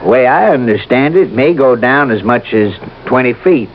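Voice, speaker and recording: A man's voice: medium pitch, expressive, normal speed, close to an everyday voice. An actor playing a folksy male fishing-camp owner in a 1950s radio drama, with plain, easygoing speech. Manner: folksy, drawling, plain grammar. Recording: dull old radio broadcast, faint hiss.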